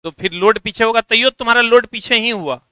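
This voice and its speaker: Bright, crisp-voiced teacher. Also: male voice, extremely high pitch, brisk, no echo. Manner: teasing, drills students by repeating chants. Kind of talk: classroom physics lecture.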